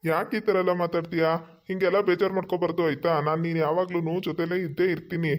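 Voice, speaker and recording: A man acting a reassuring boyfriend in a village comedy skit, asking questions gently. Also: on the high side, level tone, fast.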